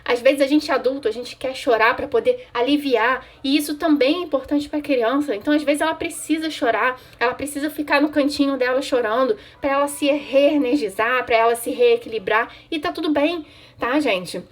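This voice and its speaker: A woman's voice: high voice, normal speed. A woman, a child psychologist giving parents conversational advice and often checking in with "tá?". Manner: conversational, frequent "tá?" check-ins; answers viewer questions directly.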